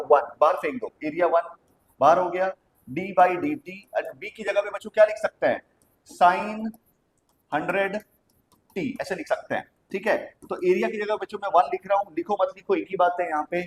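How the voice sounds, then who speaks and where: In an exam problem-solving lesson, a physics teacher with a high male voice guides students step by step, pausing for brief checks such as "clear?". Faint noise and echo fill the room.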